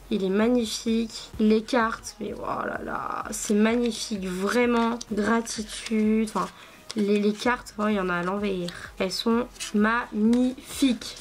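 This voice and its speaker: A woman's voice: a little high, noisy background. A woman hosting a casual vlog about her card collection, chatty and gushing, with lots of fillers and asides. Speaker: cartomancy video host.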